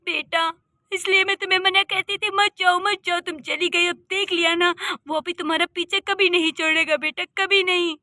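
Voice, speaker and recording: A woman's voice: very high-pitched, steady tone, normal speed, sharp tone, dry recording, studio quality, voice pushed up. A woman voicing an anxious village mother who scolds her daughter in a raised voice in a cartoon story. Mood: scolding.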